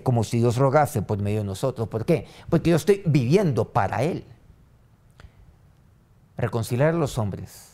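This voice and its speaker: A man pastor preaching a sermon and leading a prayer, his voice swinging from loud rising lines to soft low ones. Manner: preaching with sudden rises and soft drops.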